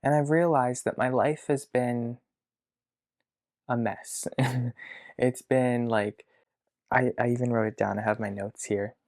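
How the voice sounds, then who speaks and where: A man of about twenty talking to his future self in a video diary from his childhood bedroom, hesitant and reflective, pausing to think aloud. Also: mid-range voice, steady tone, a little mellow. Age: around 20. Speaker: vlogger.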